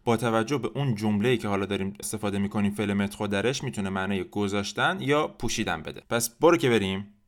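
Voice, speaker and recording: A man teaching French verb conjugation, explaining quickly and then saying each phrase very slowly for the listener to repeat. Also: lowish voice. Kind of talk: language lesson, slow modelled repetition.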